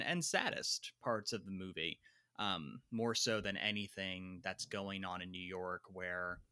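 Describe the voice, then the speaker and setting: A man with a faint New Jersey accent talks over a film in a casual podcast chat. His voice is bright and fairly low, and he hedges and repeats words as he works out his thoughts. The sound is dry and close. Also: clear, resonant tone, dry recording. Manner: thoughtful, hedging, repeats words while thinking. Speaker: podcast co-host.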